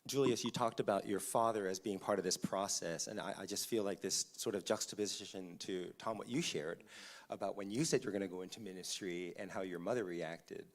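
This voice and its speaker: A man's voice: low voice, a little fast. A man moderating a panel conversation, asking open questions in a conversational way.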